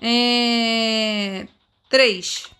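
A woman with a Brazilian Portuguese accent giving excitable let's-play commentary, full of dramatic exclamations and asides to her viewers. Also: a little high, very slow. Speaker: gaming video creator.

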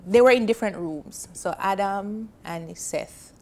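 In a mid-range voice and at a slightly slow pace, a Jamaican-accented woman in her thirties tells a personal story as a TV panel guest. She is earnest, emotional and gestures animatedly with her hands. She sits on a sofa in an indoor studio, wearing a lapel mic.

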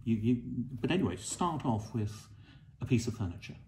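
A middle-aged man chatting gently and encouragingly as he draws together with his daughter. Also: medium pitch, very animated, normal speed, slight background noise. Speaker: artist and co-host. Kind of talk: casual chat while drawing.

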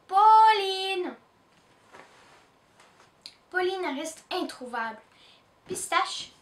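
Slow, expressive woman reading a storybook. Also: sits high. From Canada. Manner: expressive, with small restarts. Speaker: children's book reader. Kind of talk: storybook read-aloud. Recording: roomy echo, distant mic.

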